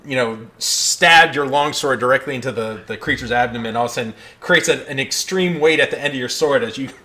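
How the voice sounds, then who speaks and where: A man's voice: mid-range voice, fairly quick, bright, forceful tone. A man narrating a tabletop game as dungeon master, describing the action at length, with frequent restarts. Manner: descriptive, with restarts and filler phrases.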